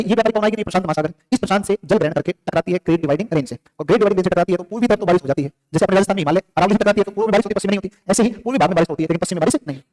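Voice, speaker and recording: Lecturing his classroom in a high, slightly mellow voice, a male teacher poses question after question and supplies the answers himself. Between these repeated drills of facts, he scolds the students and jokes with them.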